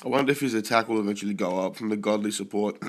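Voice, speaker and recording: A young man talks quickly in a fairly low voice about his mobile game pulls, keeping it casual. Being sick, he keeps clearing his throat, and good results get him excited and swearing.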